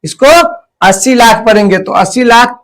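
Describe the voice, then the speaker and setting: A man with a high voice teaches a math lesson. He talks slowly and deliberately and counts off each step, repeating it so that children can follow. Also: fairly bright tone. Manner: slow, deliberate, repeats place values step by step.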